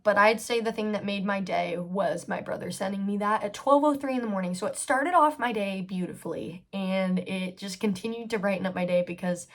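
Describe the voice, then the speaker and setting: A woman's voice: mid-range voice, brisk, hardly any pauses. Chatty twenty-year-old woman podcast host. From United States. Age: 20s. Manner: chatty and candid, many fillers, casual swearing. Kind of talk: casual solo podcast storytelling.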